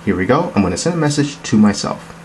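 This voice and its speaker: A man with a low-side voice speaks fast in a sing-song way, casually narrating a tech demo of a phone on a wooden table indoors. His app demonstration is informal, explanatory, and conversational, and the rough recording has noticeable background noise.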